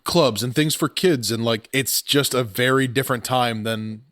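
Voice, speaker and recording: A man hosting a podcast in casual, informal chat, with an excitable manner and a scratchy throat after surgery. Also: medium pitch, normal speed, dry recording, studio quality. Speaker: podcast host.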